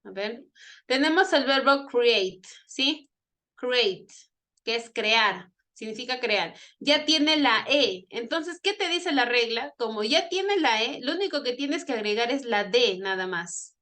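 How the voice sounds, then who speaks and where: A woman's voice: fairly high pitch, animated, slow, pushed and bright. A woman teaching an online English grammar class, explaining patiently, repeating herself and checking in with her students. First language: Spanish.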